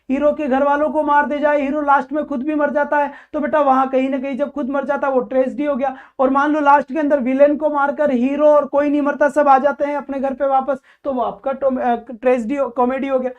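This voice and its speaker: A woman teacher giving an exam-prep lecture. She asks questions and answers them herself, and keeps calling her students "child" affectionately. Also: high-pitched. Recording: dull lo-fi recording.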